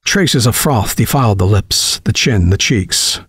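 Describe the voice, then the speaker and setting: A man narrating a horror story, reading in a measured, dramatic way. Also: on the low side, animated, a bit bright, slightly rough, dry recording, studio quality.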